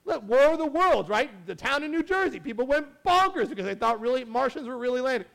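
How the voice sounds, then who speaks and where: A young pastor with a notably high voice gives a casual sermon at a quick pace, with some vocal fry. He rambles through asides and restarts sentences, staying animated and friendly, like he's chatting with the congregation.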